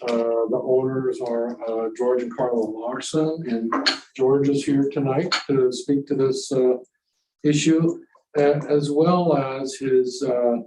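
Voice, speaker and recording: A man giving a staff report to a city council, halting and full of filler sounds. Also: mid-range voice, warm tone, a little hiss or hum. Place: council chamber. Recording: roomy and far from the mic.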